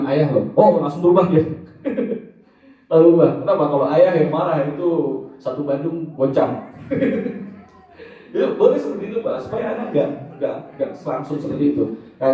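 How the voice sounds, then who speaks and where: Male preacher, fairly high voice, lively and joking, distant mic in a very echoey hall. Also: highs cut off. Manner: animated, joking, addresses audience as Pak and Bu. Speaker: Islamic preacher. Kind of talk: lively religious study talk.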